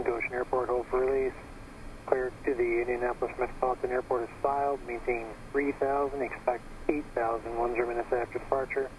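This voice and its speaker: A male air traffic controller delivers instructions over aviation radio. He speaks quickly and evenly at a medium pitch, in formal phraseology. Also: poor audio. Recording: radio transmission with faint noise.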